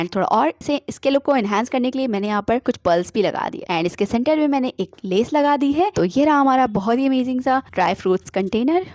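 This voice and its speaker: Young woman, quick and high-ish, dry close sound; chatty craft-tutorial voice-over host. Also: darkish tone, dry recording. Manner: chatty, mixes English words into Hindi. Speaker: DIY craft channel host. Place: home, traffic outside.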